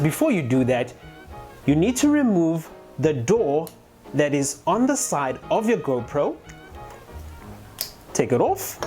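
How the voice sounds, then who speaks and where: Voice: mid-range voice, darkish tone. A chatty vlogger of unclear sex giving a casual how-to explanation and speaking directly to viewers. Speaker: motovlogger presenting a gear tutorial. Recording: music playing behind the voice. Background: background music.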